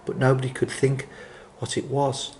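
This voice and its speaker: A gentle male children's storyteller. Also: mid-range voice, slight background noise. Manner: gentle, expressive, with slowed dramatic phrasing.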